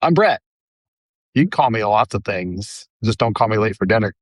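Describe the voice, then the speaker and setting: His voice is on the low side and expressive, moving at a normal speed as he co-hosts a laid-back, chatty podcast. Fillers such as "like" and "dude" come up constantly, and the studio sound is clean without echo.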